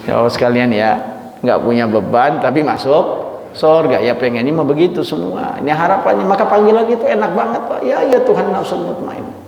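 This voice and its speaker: A man giving a sermon as a religious teacher, swinging his pitch dramatically and speaking straight to his listeners. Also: lively intonation, moderate pace, gravelly, darkish tone. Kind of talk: mosque sermon on a Quran chapter. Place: mosque hall. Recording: echoey mosque hall, faint ambience.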